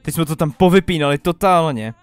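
A young man chatting casually on a live stream, excitable and stammering as he greets viewers. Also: a little high, clear, resonant tone, dry recording, faint music behind. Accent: Czech.

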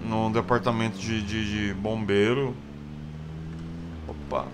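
Taking it slowly, this Brazilian Portuguese-accented host casually comments on his survival game in a voice on the low side with lively intonation. His let's play commentary meanders with many fillers amid a noisy background.

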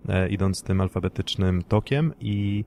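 A man hosting a sports podcast, talking in a measured, analytical way and passing questions to his co-hosts. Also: low voice, creaky, warm tone, slight background noise. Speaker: podcast host. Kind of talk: casual sports podcast discussion.

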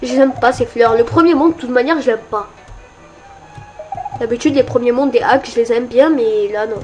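A woman giving casual gameplay commentary, excitable and often yelling and cursing at enemies, with faint game music behind. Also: a little high, moderate pace. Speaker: let's play gamer.

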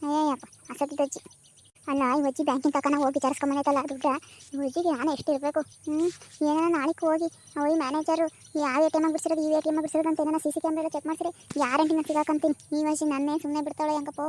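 A high, chipmunk-like cartoon grandson who mutters his schemes under his breath, voiced by a performer. He talks very fast, and there's background noise. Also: little pitch movement, a little mellow, close to an everyday voice. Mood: worried. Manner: muttering to himself, worried. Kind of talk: cartoon comedy voice acting.

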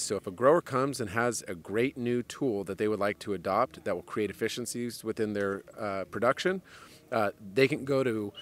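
A man, a trade association president giving measured interview answers outdoors into a handheld mic, with frequent fillers. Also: fairly low pitch. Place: outdoors on a lawn. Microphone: handheld mic held by interviewer.

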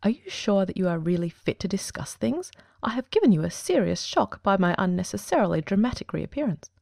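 A woman playing a composed, precise male detective in a dramatic audiobook, speaking in a measured, formal and articulate way. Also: mid-range voice, very animated, creaky, a little mellow, no echo, studio quality. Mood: composed, courteous.

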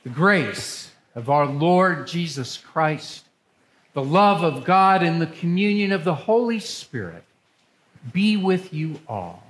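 An older man speaking as a pastor, reading liturgy to a congregation in a church with measured, solemn phrasing. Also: on the high side, big pitch swings, a bit bright. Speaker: pastor leading worship.

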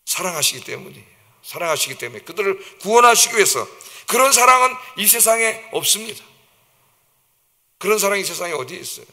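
In a church sanctuary with long reverb, a pastor preaches a dawn-service sermon in a high-pitched, sing-song voice that is fast, pushed, and bright. He is emphatic and vivid, acting out the taunts of mockers.

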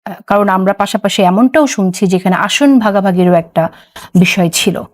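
A woman hosting a talk show, asking measured questions. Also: mid-range voice. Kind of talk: interviewing.

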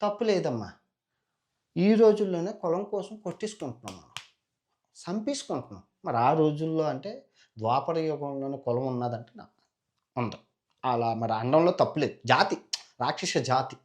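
A man's voice: fairly high pitch, animated, normal speed, pauses often. Man, storyteller, chatty, dramatic, sound effects. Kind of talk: lively retelling of an epic.

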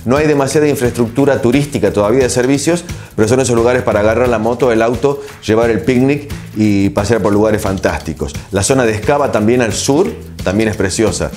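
A man in his forties with an Argentine accent, answering interview questions in a relaxed, reflective way with frequent filler pauses, on a lapel mic in a small studio. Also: medium pitch. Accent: Argentine Spanish. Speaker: TV host and producer, interview guest.

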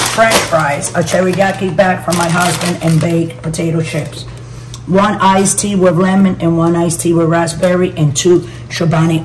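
A middle-aged woman hosting a cooking channel, chatting casually through a grocery haul and rambling through prices with fillers. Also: on the low side. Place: home kitchen room. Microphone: phone camera held by someone else. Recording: echoey room, camera at a distance, background noise.

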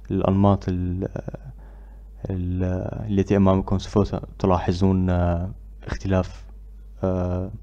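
A man teaching English pronunciation, who repeats drill words loudly and pauses with filler sounds between phrases. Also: deep voice, muffled recording. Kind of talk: pronunciation lesson.

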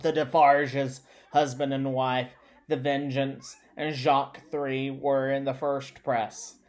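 Slow guy reading an old novel aloud, stumbles and restarts words a lot. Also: medium pitch, level tone, a little mellow. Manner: halting, frequent restarts. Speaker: audiobook reader.

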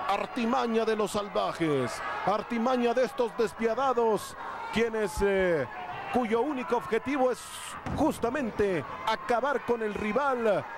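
A man with a Mexican accent doing dramatic wrestling commentary, theatrical and building emphasis through repeated phrases. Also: high-pitched. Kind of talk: dramatic lucha libre play-by-play commentary. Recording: TV broadcast over noisy arena crowd.

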